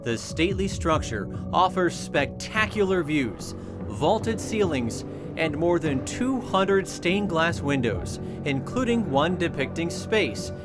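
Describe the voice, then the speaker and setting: A man's voice: on the high side, very animated, takes it slowly. An American man working as a reporter, narrating a scripted television news feature. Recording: music behind the voice. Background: music bed.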